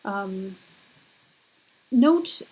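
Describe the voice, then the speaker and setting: A woman's voice: mid-range voice, animated, extremely slow, darkish tone, slightly rough, rough recording. A young woman lecturing on a recorded university class, talking casually and hesitantly with many fillers.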